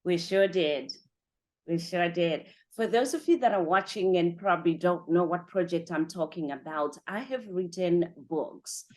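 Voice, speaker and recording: A woman's voice: lowish voice, a little slow, a little mellow. A woman hosting a podcast interview, talking in an effusive, chatty way with many 'you know' fillers. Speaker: podcast host. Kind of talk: interview conversation.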